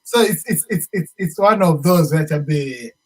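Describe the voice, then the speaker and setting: A fairly high yet darkish, breathy voice comes through a rough recording as a Zambian-accented musician speaks a little slowly but animatedly. He's a show guest in a casual interview, restating points emphatically and using local phrases.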